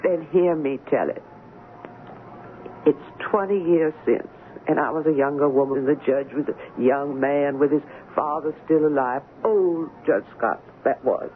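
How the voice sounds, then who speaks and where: An actress playing a gentle, sorrowful older woman servant, speaking in dialect in an old radio play. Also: sits low. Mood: grave. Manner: dialect speech, slow and tender. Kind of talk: 1940s radio acting. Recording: tinny old radio broadcast with faint hiss.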